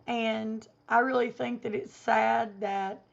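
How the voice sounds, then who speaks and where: A woman vlogger speaks directly to the camera, voicing an emphatic, indignant opinion slowly and with fairly even intonation. A cold has left her slightly high voice hoarse and gravelly, and the recording sounds dull and lo-fi.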